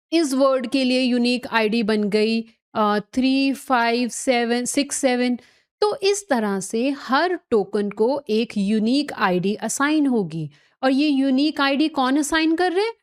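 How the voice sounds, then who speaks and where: A woman teaching a recorded tech lecture, explaining step by step, mixing in English technical terms and often checking that listeners follow. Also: on the high side.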